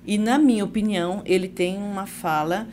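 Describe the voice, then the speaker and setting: Brazilian lady hosting a podcast chat, soft sweet way of talking, bit of hiss behind. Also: medium pitch. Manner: soft-spoken, drawn-out phrasing. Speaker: podcast host. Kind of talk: casual interview chat.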